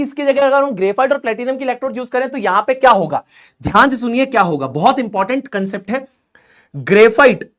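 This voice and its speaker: Joking, animated male chemistry teacher. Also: extremely high pitch. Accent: Hindi. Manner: animated, joking, mocking spellings. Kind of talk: casual Hindi lecture with jokes.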